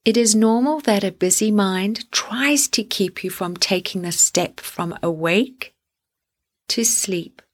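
This sleep meditation is hosted by a woman whose voice sits at a medium pitch. She speaks slowly and deliberately, gentle and calming, leaving long pauses.

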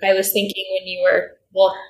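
A woman's voice: medium pitch, monotone, brisk, slight background noise. Woman in her thirties, herbalist guest, reflective storytelling, echoey room. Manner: reflective, storytelling, frequent "like" fillers. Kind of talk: casual conversational chat. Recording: roomy echo.

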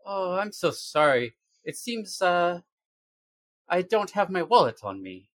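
This is a cheery, polite investigator, as a man puts him on with a put-on accent. His voice sits a little high and moves around a great deal. The tone is bright and the recording is dry. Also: very animated, unhurried, no echo. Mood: cheerful. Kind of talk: tabletop role-play in character.

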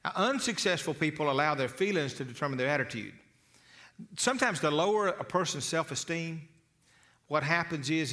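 Folksy, bright-voiced male motivational speaker. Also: on the high side. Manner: folksy, with repeated word restarts; storytelling with lively asides. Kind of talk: motivational talk to an audience.

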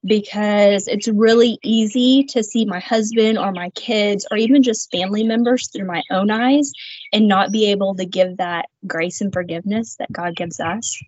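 Husky, earnest woman sharing testimony. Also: medium pitch, a little mellow, dry recording. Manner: earnest, reflective, with light laughs. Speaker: guest sharing her faith story. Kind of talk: candid personal testimony. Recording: slightly muffled, dry sound.

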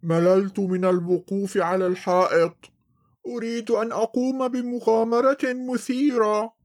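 A woman voicing a boastful but cowardly green monster with sharp teeth in a children's story, grumbling and blustering. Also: a little high, steady tone, moderate pace, natural voice. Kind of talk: storybook voice acting.

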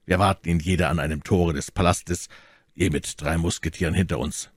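A man reading the part of a grave, calm musketeer leader in a storybook reading, in a measured, serious manner. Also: sits low, breathy edge, no room sound, clean studio sound.

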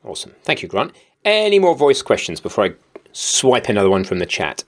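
A man hosting a live question session, moderating in an upbeat, brisk way. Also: on the low side, wildly swooping pitch. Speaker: host. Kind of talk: live online Q&A.

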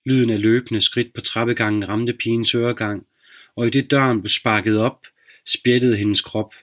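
A man hosting a podcast, reading a dark short story aloud in a slow, measured narration. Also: medium pitch, fairly even intonation. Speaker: podcast host and reader.

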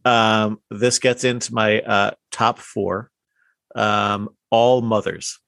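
Lowish-voiced man, hesitant but keen. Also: level tone, slow pace, creaky, fairly bright tone, no room sound. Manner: hesitant, many ums, enthusiastic. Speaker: podcast co-host. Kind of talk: casual chat.

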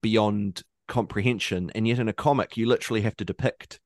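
Low-voiced New Zealand man, halting. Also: fairly even intonation, a little mellow, no echo, studio quality. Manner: halting, many restarts and fillers. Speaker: podcast host. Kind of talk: casual discussion.

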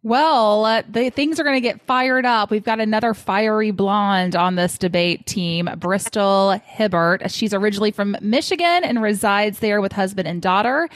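This is a woman co-hosting a podcast, bubbly and full of jokes. Her voice sits in a middle pitch. The sound is dry and close. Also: moderate pace, hardly any pauses, dry recording. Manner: bubbly, joking banter. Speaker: podcast co-host. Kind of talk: casual podcast chat.

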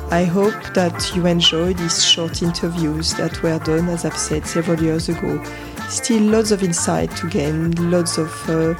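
A woman hosting a podcast, giving an unhurried welcoming introduction to the series. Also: on the low side. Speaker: podcast host. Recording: guitar music behind.

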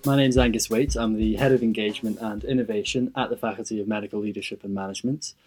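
A man presenting a podcast introduction in a clear, welcoming read. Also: lowish voice, fairly even intonation, quick pace, darkish tone, faint music behind. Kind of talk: scripted introduction.

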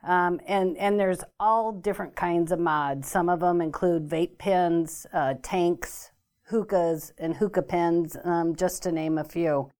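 A woman's voice: lowish voice, steady tone, slow, a little mellow. A woman explaining as a guest expert in a talk interview, careful and full of ums and restarts. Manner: hesitant, many ums and restarts. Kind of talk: informational talk show interview.

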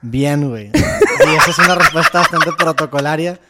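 A man's voice: a little high, wildly swooping pitch, normal speed, heavy background noise. A tired young man with a Mexican Spanish accent, talking candidly on a casual podcast with plenty of slang. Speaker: podcast co-host.

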